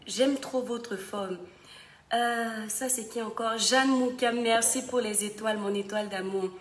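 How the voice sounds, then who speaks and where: A woman's voice: a little high, a bit bright. A woman hosting a casual live stream, greeting viewers by name and breaking into little bits of song. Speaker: livestream host. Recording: echoey room with music behind.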